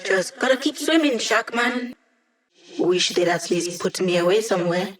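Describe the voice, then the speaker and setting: Video game support role: actress as young female hacker living as data, wry, casual and teasing, upbeat, medium pitch. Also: animated, normal speed, natural voice. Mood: wry, playful. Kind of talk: video game voice lines over comms.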